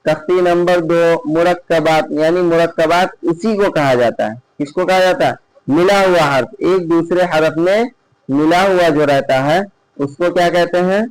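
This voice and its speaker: A man teaching an online class, calling out letter names slowly and answering his own questions in a patient drilling manner. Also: fairly high pitch, no echo, rough recording. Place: indoor online class recording.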